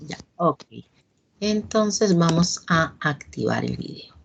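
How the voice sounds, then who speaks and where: Slow-spoken woman teaching online. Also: fairly low pitch, animated, creaky, a little hiss or hum. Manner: slow, patient, asks the class questions. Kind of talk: online class. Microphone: video call.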